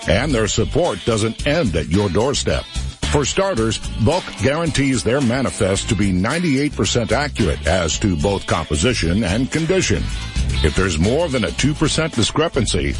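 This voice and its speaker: A man reading scripted radio commercials in a measured, persuasive way. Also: mid-range voice. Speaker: ad announcer.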